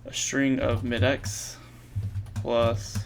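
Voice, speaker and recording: A man thinking aloud while he codes, halting and correcting himself, with many fillers. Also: medium pitch, flat delivery, creaky. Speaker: programmer streaming his coding practice. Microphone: earbuds mic.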